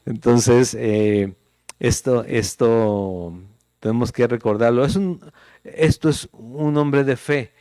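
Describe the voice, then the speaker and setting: A man's voice: medium pitch, slow pace, warm tone, clear, resonant tone, no echo. A middle-aged man preaching a sermon as pastor, reading scripture aloud and checking in with listeners in a conversational way.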